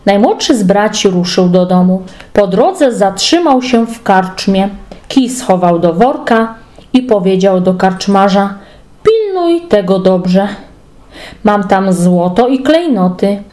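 A woman's voice: medium pitch, a little mellow. A woman reading a fairy tale aloud as a storyteller. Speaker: storybook reader.

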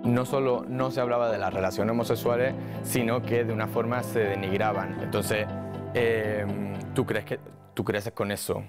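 A man in his twenties from Spain with a Spanish accent, speaking matter-of-factly in a studio interview. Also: lowish voice. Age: 20s. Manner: quick, flat, matter-of-fact. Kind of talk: to-camera interview. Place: studio with blue backdrop. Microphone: lapel. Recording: loud guitar music under the voice. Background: guitar music.

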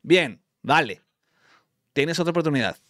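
Excitable Mexican man, high and lively. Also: no echo, clean studio sound. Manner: excitable, teasing, rapid play-by-play. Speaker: streamer host calling followers. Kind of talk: lively live-stream phone game commentary.

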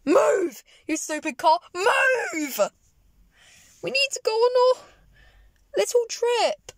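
A woman's voice: lively intonation, slow, dry recording. A woman playing with plush toys in a moving car at night, talking playfully and giggling, recorded on a handheld phone. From England. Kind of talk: playful toy role-play vlog. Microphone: handheld phone camera. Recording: loud car road noise. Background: car engine and road rumble.

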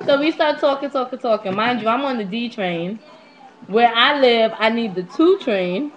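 Talking at a moderate pace in a voice on the high side, a twenty-something vlogger casually confesses personal stories to her webcam, slangy and unafraid to curse. She's in a small room at home, and her netbook's built-in mic yields dull, lo-fi sound.

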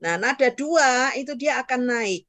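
Woman, language teacher, fairly high voice, dry close mic, patient, models tones slowly for repetition. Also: expressive, fairly bright tone, no room sound. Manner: patient, drills tones and models pronunciation for repeating learners; keeps checking understanding with "ya". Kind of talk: online language class.

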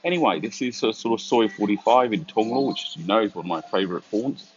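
A middle-aged man speaks in a fairly low voice, giving a casual tour to camera. His delivery is wry and offhand. The sound is a little dull and lo-fi, as from a phone held at arm's length. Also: animated, fast talker. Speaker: vlogger giving a restaurant tour. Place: quiet restaurant interior with large windows.

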